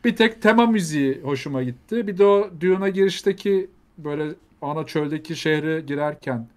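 Guy pushing back hard in a movie chat, a bit high voiced, talks fast. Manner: blunt, argumentative. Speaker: podcast co-host. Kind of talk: casual film review chat.

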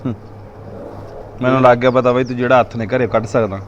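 A man acting in a village drama, teasing and bantering quickly. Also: medium pitch, steady tone, dull audio, a little hiss or hum.

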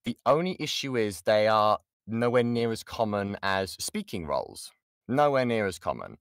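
In a chatty online lesson with audience questions, a British voice actor breaks off mid-thought and repeats key points for emphasis, speaking from indoors via voice chat. His voice sits on the low side, with big pitch swings, a moderate pace, and a clear, resonant tone in clean, echo-free studio sound.

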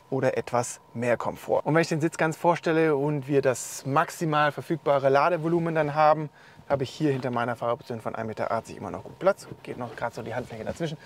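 A man with a slightly high voice talks through a car's back seats from inside the car. He explains in a relaxed way, with a faint background noise. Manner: relaxed, explanatory, pointing things out. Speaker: car reviewer. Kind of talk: casual car walkthrough.

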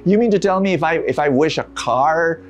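This is a selfish man in a spoken parable voiced by a male preacher, his voice leaping up high as he stammers out wish after wish. He sounds demanding and eager, and his pitch swings widely while he talks. Soft guitar music plays faintly underneath. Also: lively intonation, a little fast, highs cut off, close to an everyday voice. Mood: excited, greedy. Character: selfish greedy man, excitable then desperate.

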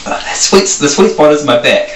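A man in his thirties with a high, lively voice chats briskly with the camera operator while shivering in ice-cold water in a bathtub. The small bathroom is echoey and noisy, and a handheld camera a short distance away picks him up from afar.

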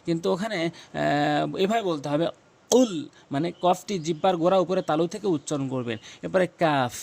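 Gravelly man teaching Quran letter sounds. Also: fairly high pitch, a little mellow. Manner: demonstrates letter sounds slowly, repeating them. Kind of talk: pronunciation lesson.

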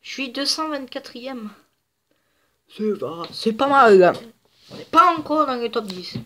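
Her voice runs a little high and a little slow, expressive, pushed and bright, though stuffed-up and nasal from a cold. She is a gaming video creator who rambles through gameplay commentary with lots of fillers.

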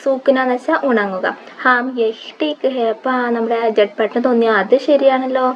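A woman teaching a Hindi story lesson, reading lines slowly and then explaining them with quiz questions. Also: fairly high pitch. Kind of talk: line-by-line textbook explanation. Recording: dull lo-fi audio with faint background hiss.

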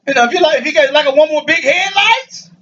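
A man preaching a lively sermon to a congregation in a church, joking and calling out for answers. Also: extremely high pitch, quick pace. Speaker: pastor. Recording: dull, distant church recording.

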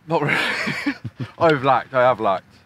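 A man chatting with a friend on a beach, giving short, quiet answers. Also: mid-range voice, animated, slow pace, slight background noise. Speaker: friend along on the shoot. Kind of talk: casual chat. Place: beach outdoors. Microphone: camera mic a few steps away.

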